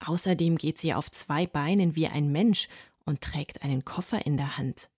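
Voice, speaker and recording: A woman narrating a children's storybook in a calm, gently expressive reading. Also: low voice, moderate pace, husky, no room sound, clean studio sound.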